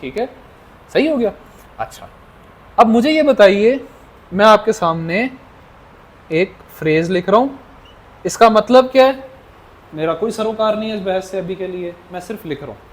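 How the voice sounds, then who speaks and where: Here a male Arabic teacher lectures at a moderate pace, pausing often, his high voice full of lively intonation. He treats the class as children, repeating their questions back and drilling responses.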